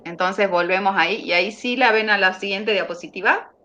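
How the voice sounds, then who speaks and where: A woman's voice: medium pitch, a little hiss or hum. Argentine woman lecturing over a call. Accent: Argentine Spanish. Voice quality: steady, explanatory, with thinking pauses. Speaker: university lecturer. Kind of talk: online seminar lecture. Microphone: video call. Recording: dull lo-fi video call audio.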